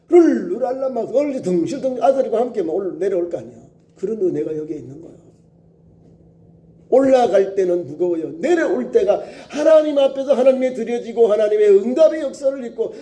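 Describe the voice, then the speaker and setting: A man who is a pastor preaching a sermon, exclaiming and acting out prayers with lively emphasis. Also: sits high. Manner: sings a hymn before preaching.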